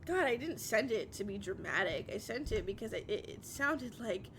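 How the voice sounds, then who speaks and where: In an intimate audio roleplay, a woman with a fairly high, fairly bright voice plays a heartbroken, obsessive young woman, speaking expressively at a moderate pace. Wounded and pleading, she stammers and repeats herself with raw emotion as she begs a partner. Some noise and low rumble sit under the recording.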